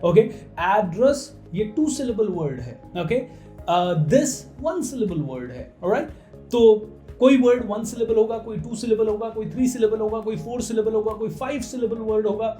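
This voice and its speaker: A man from India, coaching English pronunciation in a casual Hindi lesson and slowing right down to drill stressed syllables. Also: high-pitched, expressive, dark tone, reverberant, soft background music.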